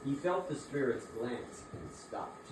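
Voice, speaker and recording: A man's voice: mid-range voice, big pitch swings, slow pace, background noise. A man narrating a scripted dramatic reading of a classic story as the narrator. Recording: echoey room, distant mic.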